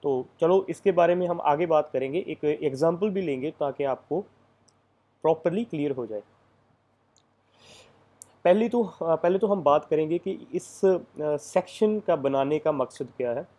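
Male tutor, casual lecture, mellow fairly high voice, halting explanations. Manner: explains step by step, many fillers. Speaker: exam coaching teacher.

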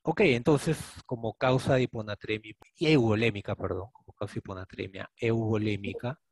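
A man's voice: on the low side, normal speed, creaky, a little mellow, husky, no echo. A male physician with a Peruvian accent, teaching a clinical case and questioning his students, often ending points with a questioning tag. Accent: Peruvian Spanish. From Peru. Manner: questioning, Socratic, tags lines with "¿no?".

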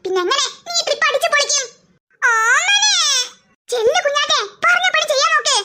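A woman's voice: very high-pitched, lively intonation, a little fast, noisy background. A woman voicing a bossy, scheming schoolgirl ringleader who talks smugly with giggles in a cartoon. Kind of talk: cartoon voice acting.

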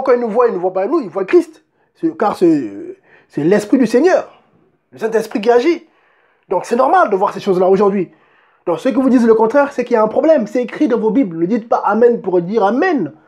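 A man's voice: very high-pitched, darkish tone. A man preaching a sermon and reading Bible verses, emphatic, often asking his listeners if they see, and restarting words as he goes.

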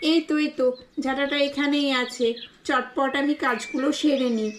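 Village mother, voiced by a woman, high voice, bustling, mutters about chores, doll-play story. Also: a little hiss or hum, lightly acted. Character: busy village housewife and young mother.

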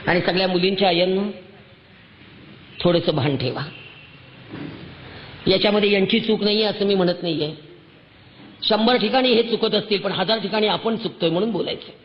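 A woman's voice: mid-range voice, moderate pace, long pauses, slight background noise. Impassioned woman scolding in an echoey hall. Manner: scolding, exhorting, rising to near shouts. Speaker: public speaker addressing women. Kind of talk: impassioned public lecture. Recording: echoey hall, muffled sound.

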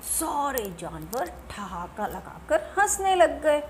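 A woman teacher reading a story aloud to young pupils, often pausing to ask and explain. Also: sits high, very animated, a little hiss or hum. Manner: asks the class questions, repeats and explains. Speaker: primary school teacher.

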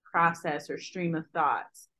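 A woman speaking as a guest on a relaxed podcast. Her voice sits a little low, and she sounds upbeat and chatty. She fills her sentences with casual "like"s. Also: slow pace. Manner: upbeat, chatty, says "like" a lot. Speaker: podcast guest, spiritual business owner. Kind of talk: casual interview chat.

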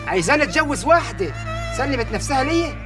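A man's voice: very high-pitched, sing-song, fast talker. An actor playing a callous young man with an Egyptian accent, talking in a scornful, dismissive way. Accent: Egyptian Arabic. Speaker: film actor. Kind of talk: film melodrama acting. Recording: music score behind. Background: film score music.

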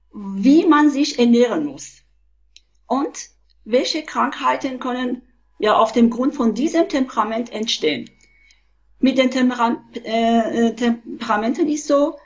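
A woman in her fifties from Iran, a physician, explaining on a video call in a halting way with many fillers and restarts. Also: a little high, lo-fi sound. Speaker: physician, interview guest. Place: small room at home. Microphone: webcam on a video call.

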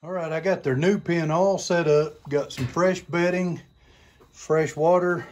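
A man's voice: a little high, fairly even intonation, unhurried, darkish tone. A man, chatting folksy and casual while filming himself on a phone at a farm. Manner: folksy, chatty, says y'all. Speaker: homesteading vlogger. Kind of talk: casual how-to vlog. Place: farm barn and backyard outdoors. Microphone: phone camera at arm's length.

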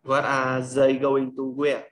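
A man's voice: mid-range voice, completely flat delivery, slow. A young man practising an English dialogue, reading hesitantly with short replies.

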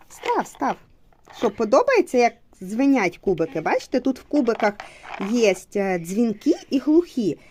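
A young mother patiently teaches her child at home while explaining things to viewers, encouraging him and repeating short instructions. Her voice is a little high with a darkish tone, and there's a slight hiss or hum.

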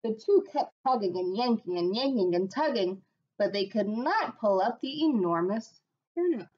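A teacher in her thirties reads a picture book aloud over her webcam from a small room at home, her mid-range voice slow and expressive. The webcam sits at her desk, and the audio is dull and lo-fi.

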